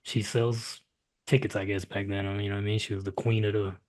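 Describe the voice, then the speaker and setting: A man reviewing movies in casual chat, loose and profane, often trailing off into quiet asides. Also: lowish voice, flat delivery, quick pace.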